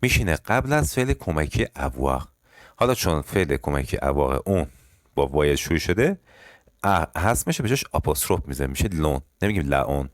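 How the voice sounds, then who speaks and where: A man teaching French phrases, explaining them in Persian and reading each French sentence slowly and more than once. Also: rumbling low, sing-song, no echo, studio quality. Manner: addresses learners casually as kids. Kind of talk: language lesson explaining phrases.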